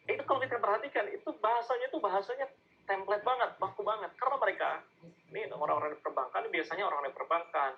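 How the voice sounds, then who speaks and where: Indonesian-accented male marketing teacher, chatty, quizzes listeners; slightly dull recording. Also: high voice. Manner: conversational, asks the audience questions, acts out sales calls. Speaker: digital marketing speaker. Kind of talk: online masterclass lecture.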